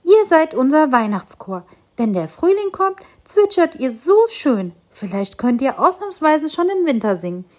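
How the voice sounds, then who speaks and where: A woman voicing a little fir tree in a children's story, exclaiming in a high, lively voice. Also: measured pace, hardly any pauses. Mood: kindly. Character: little fir tree, indignant then kindly.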